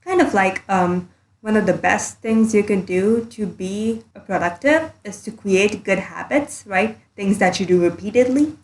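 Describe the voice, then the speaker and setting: A woman's voice: mid-range voice, unhurried. Woman recording under a blanket, echoey. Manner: blunt, earnest, a bit sweary. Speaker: commentary YouTuber. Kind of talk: casual commentary monologue.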